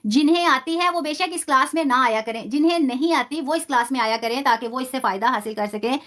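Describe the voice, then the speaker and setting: A woman with a high voice teaches a live online tajweed lesson. She repeats each term patiently and stretches out example sounds slowly. Her explanations are sprinkled with English words. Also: a bit bright.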